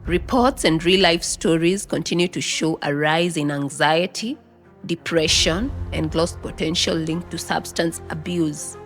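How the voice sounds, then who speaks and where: A woman narrating a scripted podcast introduction in a measured, earnest way. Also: low-pitched, faint music behind.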